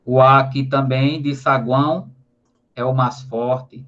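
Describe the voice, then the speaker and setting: A Brazilian teacher with a Brazilian Portuguese accent explains grammar slowly, his medium-pitched voice level in tone and a bit bright. The recorded online lesson is full of tag questions and syllables spelled out, and the audio is slightly dull and lo-fi.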